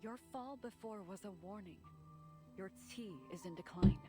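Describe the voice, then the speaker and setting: A wise female martial arts master in a video game, played by a woman, speaking calmly and firmly like a teacher. Her pitch is mid-range and even. Clear game music runs beneath her. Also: moderate pace, lightly acted. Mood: stern. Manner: calm, instructive. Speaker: grand master.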